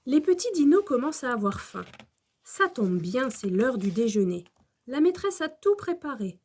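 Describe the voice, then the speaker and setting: A woman storyteller reading a children's storybook aloud in a slow, gentle manner. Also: high voice, very animated.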